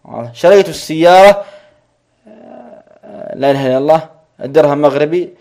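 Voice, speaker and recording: A man teaching a grammar lesson, repeating each point slowly and checking that students follow. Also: fairly high pitch, a little mellow.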